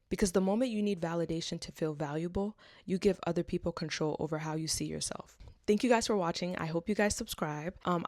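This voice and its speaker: Recorded with studio quality and no room sound, a twenty-something woman with a lowish, darkish voice makes a vlog. After reading from a script, she switches to chatty rambling about personal things, heavy on fillers and tag questions.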